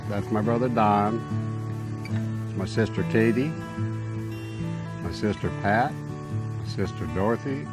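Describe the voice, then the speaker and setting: An older man with a low voice tells his story in a relaxed, folksy ramble, full of "uh" and "you know." He is speaking inside his travel trailer. Loud guitar music plays behind him the whole time. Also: slow pace, long pauses. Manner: folksy, easygoing, rambling with fillers. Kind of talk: casual conversational storytelling.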